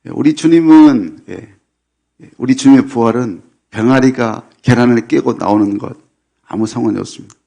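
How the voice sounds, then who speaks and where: A middle-aged man preaching a Sunday sermon as pastor, unhurried and peppered with filler yeses and light humor. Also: medium pitch, vocal fry, dark tone. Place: church sanctuary.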